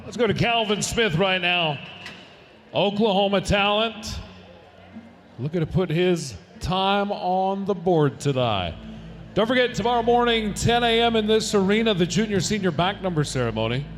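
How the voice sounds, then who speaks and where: A man's voice: high voice, moderate pace, a little hiss or hum. A man announcing a rodeo live, calling the runs with rising energy and reading sponsor and event notices. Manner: energetic, swells to shouts on runs.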